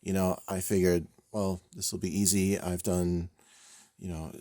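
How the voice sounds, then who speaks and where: A man's voice: deep voice, level tone, measured pace, dark tone, dry recording, clean studio sound. A man hosting a hobby build video, talking casually with fillers and self-deprecating chuckles, a little stiff and robotic in delivery. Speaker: scale model builder and channel host.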